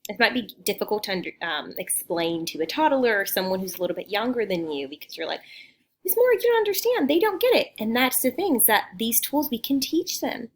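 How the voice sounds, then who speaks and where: A young woman counselor teaches a lesson to young students. Her voice sits in an ordinary mid range. She talks in a gentle, encouraging way. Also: medium pitch, expressive, a little fast, hardly any pauses. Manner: gentle, encouraging, acts out children's quotes. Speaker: school counselor.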